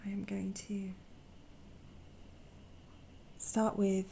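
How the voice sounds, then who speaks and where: Her voice is croaky from a sore throat, medium in pitch, mellow and darker, as this young watercolour artist and channel host swatches paints in a casual art vlog. She talks very slowly, softly and gently, frequently sinking to a whisper, and hesitates often with fillers. There's a slight hiss or hum in the audio.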